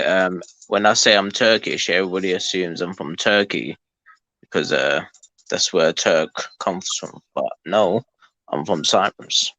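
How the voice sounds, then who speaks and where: Bright-toned man chatting. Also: sits low, gravelly, no echo, rough recording. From London, England. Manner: hesitant, many ums and restarts. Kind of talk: casual chat.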